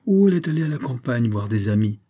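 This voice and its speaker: A man reading the part of a servile valet, smooth and obliging. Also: medium pitch, big pitch swings, fast talker, warm tone.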